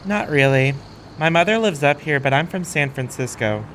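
A man voicing a flat, bored young woman fashion model in a comedic screenplay read-through, with clipped, deadpan replies. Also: a little high, normal speed, a little hiss or hum.

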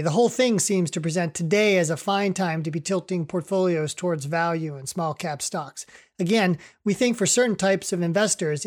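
Measured, formal financial commentator. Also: medium pitch. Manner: measured, formal, careful phrasing. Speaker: investment adviser giving monthly market commentary.

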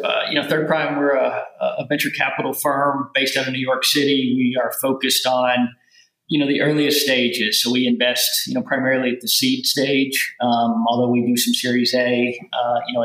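A man in his forties with a Southern Kentucky accent, talking casually as an interview guest, halting and full of filler words. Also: medium pitch, flat delivery, fairly bright tone. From rural Kentucky. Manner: halting, heavy use of "you know" fillers and repeated words. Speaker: venture capital guest. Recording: roomy echo.

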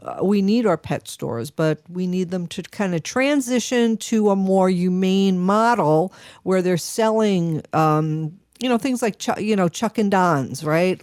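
A woman's voice: on the low side, darkish tone, no room sound, studio quality. A woman with a New York accent co-hosting a radio talk show, chatting earnestly and reading a list aloud with lots of fillers. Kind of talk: casual talk radio chat.

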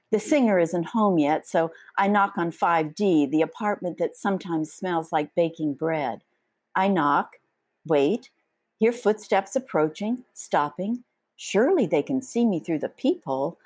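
A woman author reads her own essays aloud and then talks about them, reflective and a little hesitant between thoughts. Her voice sits slightly low. The sound is dry and close, with no room around it. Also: darkish tone, no room sound. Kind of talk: reading aloud and interview talk.

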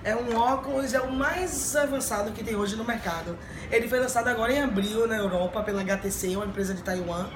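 A woman's voice: a little high, fast, noisy background. A woman, informally explaining and promoting a business in a casual on-camera interview. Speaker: virtual reality business representative being interviewed. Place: busy indoor airport stand. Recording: roomy airport sound with clear music behind.

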